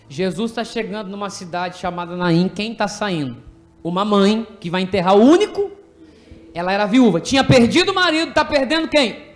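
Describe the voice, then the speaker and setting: A man with a Brazilian Portuguese accent preaching an animated, jokey sermon in a church, directing people from the pulpit to act out a story. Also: high voice. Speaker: pastor. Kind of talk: lively sermon with congregation re-enactment.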